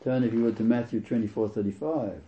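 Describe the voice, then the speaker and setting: A man's voice: mid-range voice, fairly even intonation. Emphatic male preacher on a dull recording. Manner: emphatic, slows down to stress key words; reads scripture aloud and comments on it. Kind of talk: sermon.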